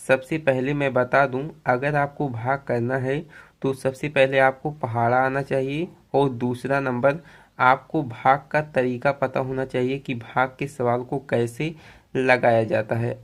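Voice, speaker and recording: A man teaches long division step by step, patient and repetitive. His voice sits at a middling pitch. He chants the times tables in a sing-song rhythm. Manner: patient, repeats points, addresses viewers as friends. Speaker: math teacher.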